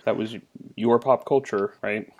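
A man co-hosting a podcast interview in a relaxed, joking way. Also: on the low side, measured pace, dull audio. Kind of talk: casual interview chat.

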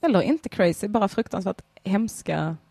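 A woman's voice: mid-range voice, lively intonation, vocal fry, darkish tone, slightly rough, no echo, clean studio sound. Giggly young woman hosting a chat podcast. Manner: giggly, swears freely, jokey. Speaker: podcast host reading chat.

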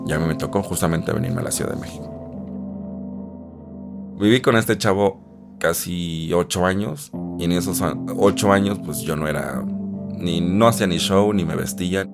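A young man with a Mexican Spanish accent tells his life story in a chatty, animated way, acting out other people in a high voice. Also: normal speed, gravelly. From Isthmus of Tehuantepec, Mexico. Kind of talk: personal storytelling. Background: guitar music.

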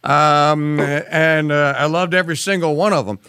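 A man hosting a podcast interview, speaking haltingly with many fillers. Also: a little high, steady tone, bright, forceful tone, clear, resonant tone, dry recording, clean studio sound. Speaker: podcast host.

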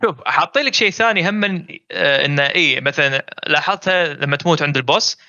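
Casual guest: Gulf Arabic man, quick and bright, dull lo-fi audio. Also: a little high, no echo. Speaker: guest gamer. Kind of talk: casual chat.

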